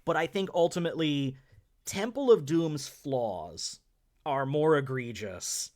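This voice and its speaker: A man's voice: on the high side, expressive, takes it slowly, darkish tone. A man co-hosting a podcast, talking casually and at length about films, often laughing as he talks. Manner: chatty, rambling, laughs while talking. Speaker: podcast co-host. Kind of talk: casual film-review chat.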